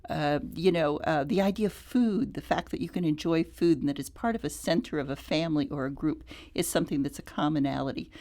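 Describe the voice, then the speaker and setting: A woman being interviewed on the radio as head of a nonprofit, speaking thoughtfully and haltingly with many restarts. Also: low voice, dark tone. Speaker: nonprofit CEO, guest.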